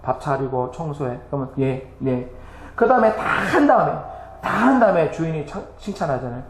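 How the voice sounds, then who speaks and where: A man giving a missionary report in church, animated, laughing and tearful as he speaks. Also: on the high side, fast, a little hiss or hum. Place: church sanctuary. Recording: echoey church hall.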